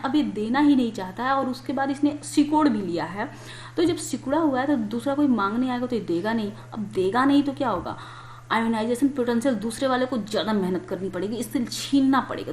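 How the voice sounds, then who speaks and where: A woman's voice: fairly high pitch, lively intonation, brisk, darkish tone. A woman teaching a chemistry lesson in a conversational way, asking questions and answering them herself. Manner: conversational, asks and answers her own questions. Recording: echoey room with faint noise.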